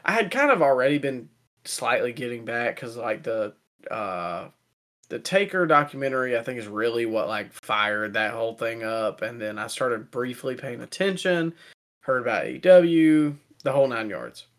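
A young man co-hosting a wrestling podcast in casual chat, relaxed and chatty, laughing now and then. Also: mid-range voice, moderate pace. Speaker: podcast co-host.

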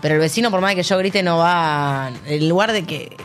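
Young woman with rioplatense accent, casual radio chat, frank and chatty, soft music underneath. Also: lowish voice, moderate pace. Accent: Rioplatense Spanish. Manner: frank, laughing, chatty storyteller. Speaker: radio show co-host.

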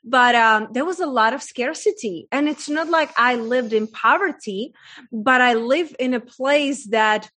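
A young woman from the Czech Republic with a Czech accent, a guest coach telling her story with animated enthusiasm in a podcast conversation. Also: a little high, unhurried, rough recording. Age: young adult.

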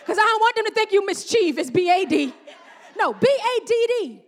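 A middle-aged woman pastor, preaching a sermon with call-and-response and slow, drawn-out emphasis. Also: very high-pitched, sing-song.

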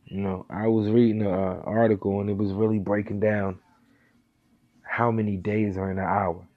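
An earnest man delivers a preachy motivational monologue, mixing casual slang and cursing into his advice. His voice sits low and a little husky. The recording is dull and lo-fi, with faint music underneath. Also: little pitch movement, moderate pace. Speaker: host of a motivational talk.

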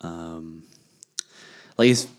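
A man's voice: low-pitched, extremely slow. A man hosting a casual chat, hesitant and searching for words with many ums. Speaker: podcast host.

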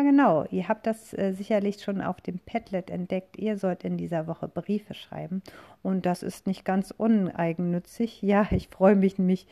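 A woman teacher reading a rhyming picture book aloud to her pupils in a slow, expressive storytelling manner. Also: fairly low pitch, gravelly. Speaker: primary school teacher.

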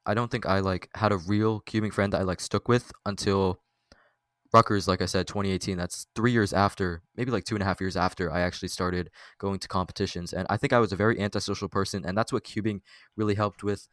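A teenage boy hosting a casual podcast chat, talking haltingly with many fillers and restarts. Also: low-pitched, fairly even intonation, no room sound. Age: teens. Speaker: podcast host.

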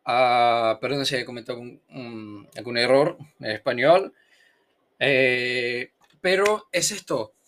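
A man from Brazil with a Brazilian Portuguese accent, a native Portuguese speaker, giving a casual podcast lesson. He talks slowly, repeats example words and adds playful asides. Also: mid-range voice, a bit bright, a little hiss or hum. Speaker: language teacher.

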